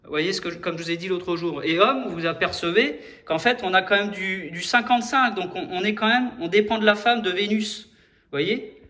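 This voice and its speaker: A man's voice: sits high, moderate pace, sharp tone. A man hosting his own video, explaining letters and numbers in a hesitant, rambling way, often stopping to correct himself and asking the viewers if they follow. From France. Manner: hesitant, restarts often, addresses viewers directly.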